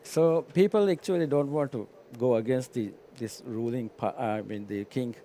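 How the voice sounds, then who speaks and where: A mellow, mid-pitched man explains things casually. He circles back and rephrases in a halting way, with faint ambient noise on the live broadcast. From Maldives. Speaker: local guest in the commentary booth.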